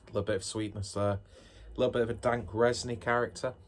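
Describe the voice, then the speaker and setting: Male reviewer, fairly low voice, informal and musing, talking viewers through a tasting with self-deprecating asides. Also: level tone, fast talker. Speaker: beer reviewer, host.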